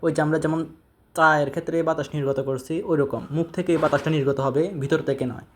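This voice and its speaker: A man's voice: fairly high pitch, steady tone, fast talker, a little hiss or hum. A man teaching Arabic letter pronunciation in Bengali, patiently repeating each sound for learners. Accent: Bangladeshi Bengali. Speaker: Quran reading teacher. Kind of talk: step-by-step lesson on Arabic letters.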